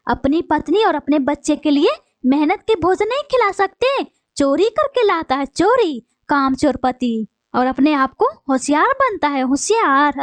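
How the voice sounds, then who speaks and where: A woman voicing a female bulbul bird, a sharp-tongued wife and mother, with a scolding, bossy manner. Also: high-pitched, no room sound. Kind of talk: cartoon voice acting.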